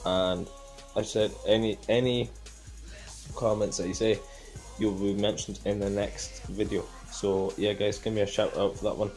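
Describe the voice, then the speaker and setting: A man gives a casual, halting, repetitive vlog update into a phone at arm's length in a room at home. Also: lowish voice, level tone, darkish tone, faint music behind. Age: 20s. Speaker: vlogger.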